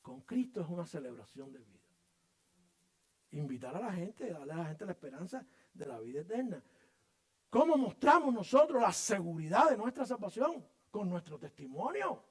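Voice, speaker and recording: A middle-aged male pastor preaching a sermon in church, telling stories with lively energy and acting out voices and sounds. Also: high voice, normal speed. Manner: animated storytelling, acts out voices and sounds.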